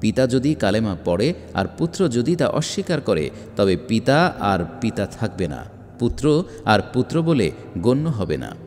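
A man reading a religious book aloud in a measured, emphatic way, with rhetorical questions. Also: lowish voice, sing-song, a little mellow. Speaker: audiobook reader. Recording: long hall reverb.

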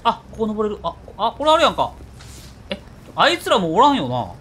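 Excitable Kansai man with lively pitch. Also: brisk, a little hiss or hum. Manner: excitable, jokey, reads game text aloud. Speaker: game streamer. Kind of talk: let's play commentary.

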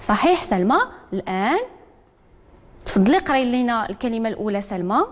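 A woman with a Moroccan accent teaching a literacy lesson, repeating each word slowly and calling on learners one by one. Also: a little high, lively intonation, big-room sound. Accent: Moroccan Arabic. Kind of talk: broadcast classroom lesson.

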